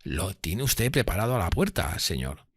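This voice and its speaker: A man voicing a deferential inn waiter in an audiobook, speaking quietly and submissively. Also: sits low, big pitch swings, moderate pace, slightly rough, no echo, studio quality, heavily acted. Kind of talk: audiobook character voice.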